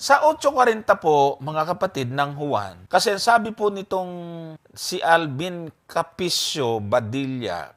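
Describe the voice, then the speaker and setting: A man's voice: a little high, very animated, measured pace, a bit bright. A man hosting a religious program, explaining a Bible verse with emphatic stress on key words. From Philippines. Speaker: program host and preacher. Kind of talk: religious debate commentary.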